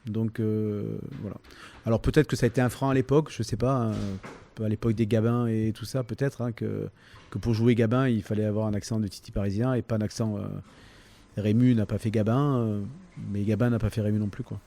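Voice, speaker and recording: A man in his fifties with a Provençal accent, answering interview questions in a halting way, full of fillers and restarts. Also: lowish voice, steady tone, dark tone. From southern France, Toulon. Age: 50s. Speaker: comedian, interview guest.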